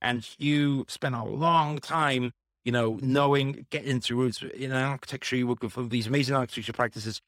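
A man's voice: mid-range voice, steady tone, normal speed, a bit bright, dry recording, clean studio sound. A man from Wales, hosting a podcast in a chatty, informal way. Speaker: podcast host. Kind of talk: casual podcast conversation.

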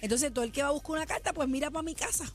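Lively Puerto Rican woman on radio. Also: sits high, rapid-fire, faint music behind. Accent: Puerto Rican Spanish. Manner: lively storyteller, self-mocking. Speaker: radio show co-host. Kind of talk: casual radio banter.

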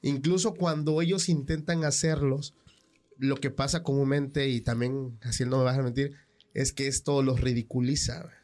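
A man hosting a paranormal podcast, asking curious follow-up questions in relaxed chat. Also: medium pitch, moderate pace. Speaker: podcast host.

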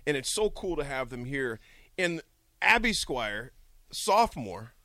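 A man's voice: mid-range voice, unhurried, no room sound. A middle-aged man hosting a radio show in a studio, telling stories with jokes and frequent laughter. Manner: animated, jokey storyteller who laughs a lot. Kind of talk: lively radio talk.

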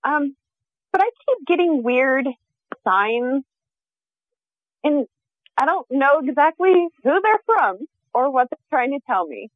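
A woman's voice: high-pitched, sing-song, takes it slowly, pauses often, dry recording. A woman calling in to a radio show over a phone line, speaking hesitantly with frequent ums. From USA. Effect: heard over a phone line.

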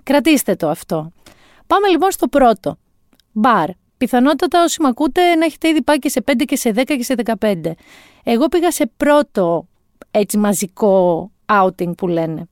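A woman's voice: on the high side, big pitch swings, dry recording. A woman in her forties telling a comic story in a wry, self-mocking way, close to the mic. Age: 40s. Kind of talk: comic monologue.

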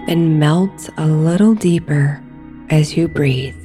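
A woman guiding a meditation and affirmations in a soothing, hushed sleep story narrator manner, with new-age music behind her. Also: deep voice, slow. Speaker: meditation guide. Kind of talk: slow guided meditation and affirmations. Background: new-age music with singing bowls.

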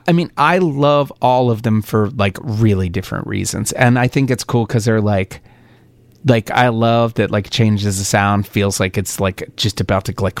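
A man, a recording engineer and producer, chatting as an interview guest and telling excited, rambling stories. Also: medium pitch, no echo. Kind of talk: casual interview chat.

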